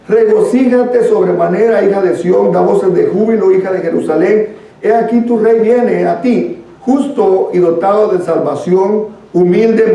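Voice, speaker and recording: Creaky, dark and high, this Guatemalan-accented man's voice fills a very echoey room, captured by a distant microphone. He reads and explains scripture for a church Bible study with earnest, conversational teaching.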